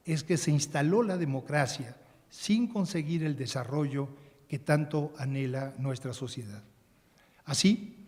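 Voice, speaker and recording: A man's voice: a little high, a little mellow. Man reading a formal speech. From Mexico. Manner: measured, reading a prepared text, some restarts. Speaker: panelist. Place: large conference hall. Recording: conference hall with long reverb.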